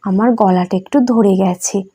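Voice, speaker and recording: A woman voicing an elderly male saint who talks gently and playfully, in a storybook reading. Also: mid-range voice, unhurried, breathy edge. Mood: gentle.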